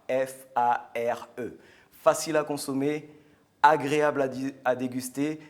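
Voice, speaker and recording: Man, mid pitch, earnest chatty studio guest, restarts often. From French Guiana. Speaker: guest speaker. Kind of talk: product presentation on a live show.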